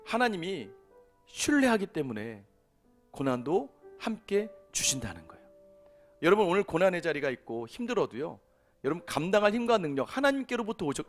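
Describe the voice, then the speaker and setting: Male pastor, high lively voice, animated storytelling sermon, faint music underneath. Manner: animated storytelling, voicing people in his stories. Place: law firm chapel.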